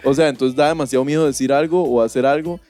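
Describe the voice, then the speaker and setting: A man's voice: mid-range voice, fast, mellow, soft background music. A man with a Costa Rican accent in casual chat, talking in a chatty way with lots of filler. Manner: chatty, fillers of "mae" and "¿verdad?". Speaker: podcast co-host.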